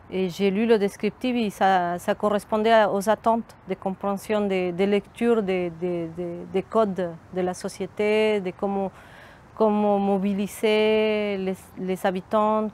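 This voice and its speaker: A middle-aged woman with a Mexican Spanish accent speaks in a documentary interview about her community work. Her voice sits in a middle pitch, and she often pauses to search for words. There is a faint hum of noise behind her. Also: fairly even intonation, darkish tone. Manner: thoughtful, hesitant, frequent restarts. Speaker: community outreach worker.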